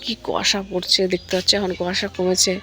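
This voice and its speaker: A woman vlogging about her morning at home with a hoarse voice, chatting to viewers and coaxing her young son along. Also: fairly low pitch, level tone, quick pace, pushed and bright, soft background music. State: hoarse, worn-down voice. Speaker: vlogger and mother. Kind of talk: casual daily family vlog. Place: at home, partly outdoors on a foggy morning.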